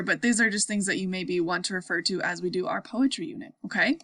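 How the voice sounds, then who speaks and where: A woman's voice: mid-range voice, fairly bright tone, no room sound, studio quality. A young woman teaching sixth-graders in a casual online lesson, upbeat and chatty, often checking in with her class.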